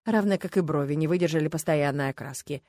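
A woman reading an audiobook in lively, ironic scripted narration. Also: low-pitched, fast talker, no room sound.

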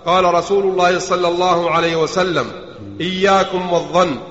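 A man reading chains of narration aloud in a steady, formal recitation for a study circle. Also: high-pitched, brisk. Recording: dull echoey hall recording.

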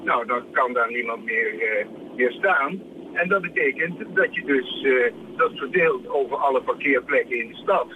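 Bright-voiced male phone caller. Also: mid-range voice, moderate pace, slight background noise. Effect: heard over a phone line. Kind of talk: radio phone-in.

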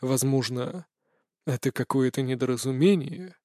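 A man voicing a cold, calm ancient male god of death who speaks unhurried and mocking. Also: mid-range voice, no room sound, clean studio sound, close to an everyday voice.

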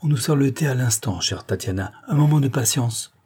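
A man's voice: medium pitch, animated, brisk, warm tone, slightly rough, pitched above the performer's own voice. A man reading the part of a fussy, flustered older hostess who pleads with her guests. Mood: fussing. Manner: fussing, pleading.

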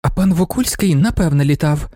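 A man's voice: on the high side, very animated, fast talker, darkish tone, no echo, studio quality, voice pushed up. A man reading an audiobook and voicing a naive young lady who gushes with wonder. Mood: gushing.

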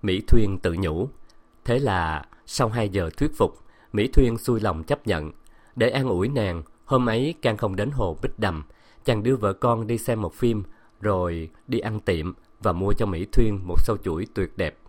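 A man narrating a story in a steady, measured reading voice. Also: lowish voice. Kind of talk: scripted audiobook narration.

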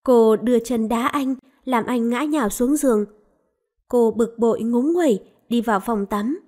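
A woman narrating a romance novel calmly and evenly. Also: a little high. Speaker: audiobook narrator.

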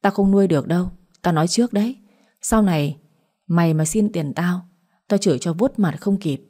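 A woman voicing a harsh, spiteful middle-aged mother who taunts and curses in a shrill voice. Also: a little fast, warm tone, breathy edge.

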